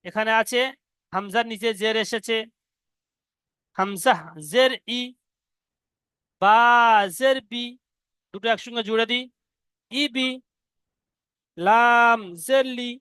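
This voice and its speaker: A man teaching Quran reading to students, spelling out each letter and syllable slowly. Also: extremely high pitch, steady tone, bright, forceful tone, clear, resonant tone, dry recording. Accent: Indian Bengali. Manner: slow, drawn-out syllable-by-syllable spelling. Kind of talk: spelling-out recitation lesson.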